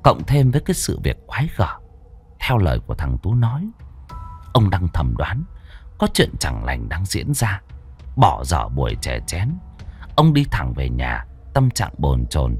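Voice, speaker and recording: A man narrating a village horror story in a dramatic reading style, slowing down for suspense. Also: very deep voice, huge pitch swings, a little mellow, slightly rough, faint music behind. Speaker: audiobook narrator.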